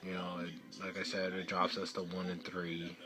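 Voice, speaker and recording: A young man ranting casually about his team's loss, profane, swinging between loud outbursts and low muttering. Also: completely flat delivery, moderate pace. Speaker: fan vlogger. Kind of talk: casual sports rant.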